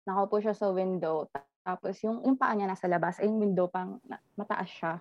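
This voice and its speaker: A woman telling a ghost story in casual chat, animated and laughing often as she tells it. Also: medium pitch, normal speed, no echo. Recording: slightly dull lo-fi audio.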